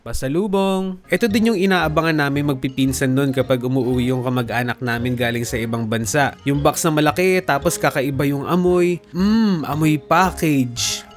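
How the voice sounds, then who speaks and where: A young man from the Philippines narrating a comedic storytime for an animated video, with playful jokey asides to viewers. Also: medium pitch, fairly quick, few pauses. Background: background music.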